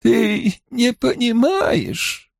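A stern, weary grey-haired old woman, as a male narrator puts her on, pitched well above his own voice and rising and falling with lively swings. She sounds tired and guarded, heard on a dry, close recording in an audiobook. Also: a little slow, no room sound, heavily acted. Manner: scolding then tired and guarded. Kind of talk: audiobook character voice.

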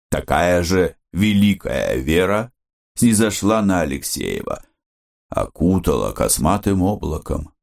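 A man narrating a literary audiobook in a measured, expressive storytelling manner. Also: low-pitched, gravelly.

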